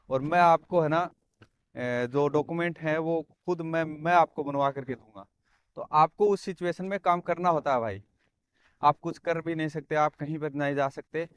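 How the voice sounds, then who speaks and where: Man, earnest casual vlog, smooth resonant voice, young adult. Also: a little high. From Rajasthan, India. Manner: earnest, repeats phrases, says "bhai" often. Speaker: vlogger.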